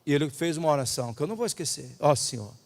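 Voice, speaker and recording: A male Brazilian pastor preaching with emphasis, switching between loud declarations and hushed asides. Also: on the high side, animated, rapid-fire. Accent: Brazilian Portuguese. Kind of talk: sermon. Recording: long reverb of a large hall.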